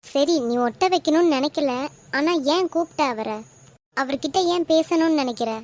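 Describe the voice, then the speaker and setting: A woman voicing young women in an animated love drama, speaking with a Kanyakumari Tamil accent in an emotional way. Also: high-pitched, moderate pace, lightly acted. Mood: arguing. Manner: emotional, tearful at times. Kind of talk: animated web series voice acting.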